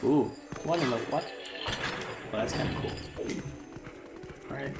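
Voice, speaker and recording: A man's voice: medium pitch, unhurried. A young man giving casual, rambling gameplay commentary as a let's play host. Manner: chatty, rambling, easily amused. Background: game music.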